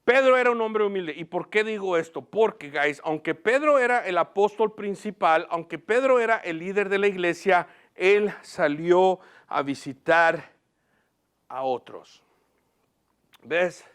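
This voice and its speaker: High-voiced male pastor preaching. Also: a little slow, clear, resonant tone. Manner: lively, asks the congregation questions; mixes in English words. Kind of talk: sermon. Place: church platform.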